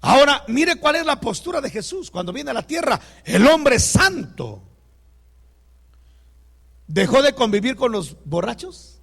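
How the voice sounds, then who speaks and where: A man's voice: extremely high pitch, big pitch swings, measured pace, creaky, pauses often, a bit bright, slightly rough, big-room sound. A man preaching a sermon who speaks straight to the congregation and tells stories with quoted dialogue.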